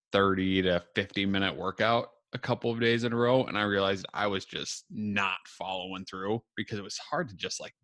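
A man with a lowish, bright, forceful voice talks casually into a close, dry podcast mic. He is upbeat and self-deprecating, and a little out of breath. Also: dry recording. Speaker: podcast host. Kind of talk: casual solo podcast talk.

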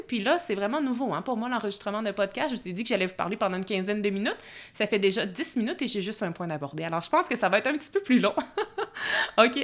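A woman in her thirties with a Québécois accent, hosting her own solo podcast in a chatty, conversational way with frequent hesitations. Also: medium pitch. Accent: Québécois French. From Quebec, Canada. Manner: chatty, warm-hearted, hesitant with frequent pauses. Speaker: podcast host.

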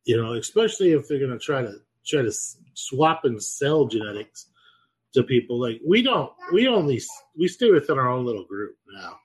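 A man hosting a podcast, chatting casually in a rambling, profane, animated way. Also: mid-range voice, moderate pace, breathy edge. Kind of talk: casual chat.

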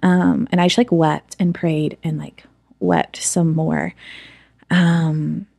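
A woman speaks in a low, slightly gravelly voice, recorded close and dry. She tells a personal story to an interviewer, candid and reflective, with plenty of ums and likes. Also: level tone, slow, a little mellow, no room sound. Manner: candid, reflective, with frequent fillers. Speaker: interview guest.

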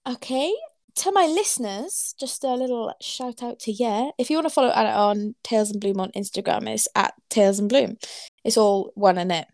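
A bubbly Welsh woman hosts a casual podcast interview, her voice edged with a gravelly fry. She sounds enthusiastic and laughs often. The sound is close and dry. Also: on the high side, normal speed, a little mellow, dry recording. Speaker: podcast host.

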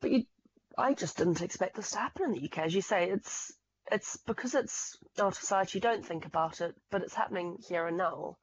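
A Zimbabwean fraud specialist with a lowish voice talks a little fast as a podcast guest, earnestly explaining fact-heavy points and often restarting. The recording is muffled, with a little hiss or hum.

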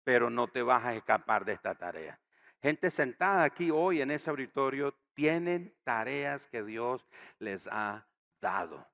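A man preaching a sermon to his congregation as pastor, emphatic and rising to loud exhortation. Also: mid-range voice, sing-song, a little slow, vocal fry. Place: church auditorium.

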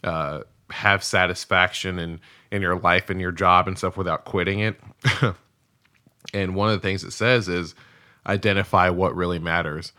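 A man's voice: low-pitched, fairly even intonation, moderate pace, sharp tone. A man in his thirties co-hosting a podcast, talking candidly and rambling, swearing and laughing often. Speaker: podcast co-host. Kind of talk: casual chat.

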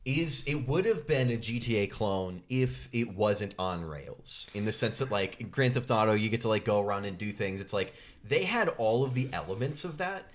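A man co-hosting a casual podcast discussion who talks in a halting, hedging way. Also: fairly low pitch, animated. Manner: halting, hedging, many restarts. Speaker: podcast co-host.

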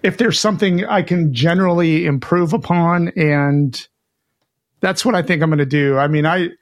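A man co-hosting a podcast who talks in an upbeat, chatty way and often restarts his sentences. His speaking voice sits quite high for a man. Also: normal speed, dry recording, clean studio sound. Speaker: podcast co-host. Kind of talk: casual chat.

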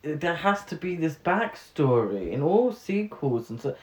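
Podcast co-host musing about a movie, mid-pitch voice, roomy sound. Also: sing-song, measured pace, a little mellow. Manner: chatty, hesitant, fillers and restarts. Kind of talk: casual film review chat.

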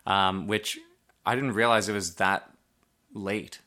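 A man's voice: deep voice, fairly even intonation, takes it slowly, pushed and bright. A man hosting a podcast in casual chat, rambling along with lots of fillers and the odd swear word. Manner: loose, rambling delivery with frequent fillers and swearing. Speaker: podcast host.

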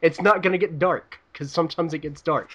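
A man's voice: fairly high pitch, steady tone, brisk, a bit bright, highs cut off. A man hosting a gaming podcast, chatty and upbeat with frequent ums and uhs. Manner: upbeat, chatty, filler-heavy. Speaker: podcast host. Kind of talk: casual podcast interview.

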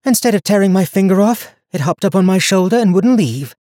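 Guy doing a young woman traveler, high and quick, earnest, dry close audiobook sound. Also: animated, mellow, no echo. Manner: earnest, rambling when tired. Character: determined young woman traveler, capable, weary.

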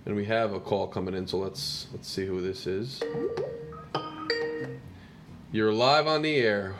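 Host: a deep-voiced, rambling man over faint background music. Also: normal speed. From New Jersey. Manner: rambling, with frequent fillers and restarts. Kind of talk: live call-in podcast talk.

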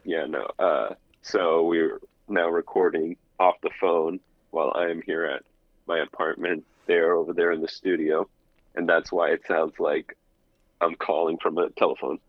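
Co-host calling in over the phone: a man with a very low voice, heard dry and lo-fi, rambling and casual. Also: fairly even intonation, normal speed, dry recording. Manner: rambling storyteller who restarts words. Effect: phone call played back through the studio. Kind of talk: casual podcast chat. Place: his apartment. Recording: dull lo-fi phone line.

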